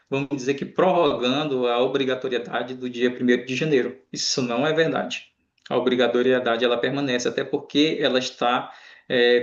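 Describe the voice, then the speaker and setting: A man explaining rules on a live stream, in an assertive, emphatic way, heard over an echoey, dull online call. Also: mid-range voice. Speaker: tax panelist.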